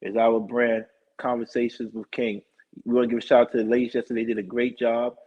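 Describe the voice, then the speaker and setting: A man hosting his own live talk show, rambling through shout-outs and sponsor plugs in casual chat. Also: mid-range voice, level tone, fast, breathy edge. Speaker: show host. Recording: dull lo-fi stream audio.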